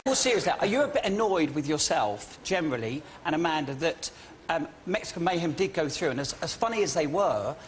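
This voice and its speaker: Lively high-voiced British TV presenter. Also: male voice, fairly quick, few pauses. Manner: teasing, upbeat, pushing for answers. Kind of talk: live TV hosting. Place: TV studio with live audience. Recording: crowd and studio noise.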